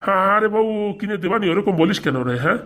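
A bumbling village priest in a cartoon, voiced by a performer, quick-talking and defensive. He fumbles his chants and grumbles back at his nagging wife. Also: medium pitch, fairly bright tone, close to an everyday voice. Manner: defensive, stumbling over chants. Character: bumbling poor village priest man, henpecked. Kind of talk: comic cartoon voice acting.

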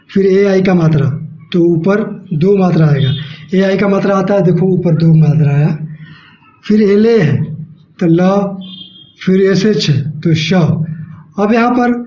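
A man with a noticeably high voice teaches a step-by-step language class in the manner of a teacher. He moves slowly and repeats himself as he writes on the board. The sound is dull and lo-fi, and his voice echoes around the room. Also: a little mellow. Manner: slow, repeats each step, explains aloud while writing.

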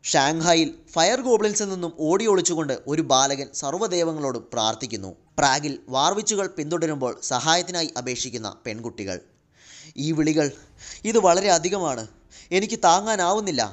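A man's voice: fairly high pitch, lively intonation, a little fast, lightly acted. Man doing a tired vigilante guy, overwhelmed, kinda strained, comic story. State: weary, overwhelmed. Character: exhausted blind male vigilante hero.

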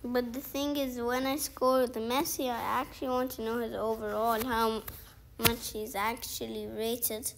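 Here a young female gaming creator, from outside the featured countries, loosely narrates a mobile football game, musing aloud, restarting often and saying "like" a lot. She speaks at a measured pace in a slightly high, level voice with some vocal fry, and there's noise in the background.

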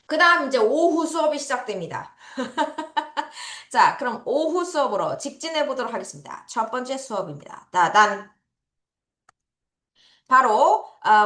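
A woman teacher leads children through English words in a bright, high voice that swings up and down. She stretches each word out slowly for them to repeat, and the room around her echoes. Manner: drills pronunciation, has students repeat words slowly; calls herself teacher, talks to kids directly. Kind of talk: online vocabulary lesson for children.

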